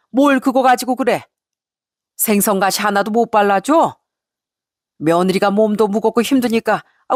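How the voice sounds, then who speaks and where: A woman's voice: fairly high pitch, dry recording, clean studio sound, close to an everyday voice. Woman doing a blunt old father-in-law. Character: gruff older father-in-law, blunt and commanding.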